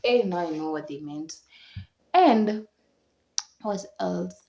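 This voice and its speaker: Chatty Kenyan woman, dark muffled voice. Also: fairly low pitch, expressive, slow, creaky. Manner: chatty, laughs often, repeats words for emphasis. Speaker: vlogger. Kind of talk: casual chat. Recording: dull lo-fi recording.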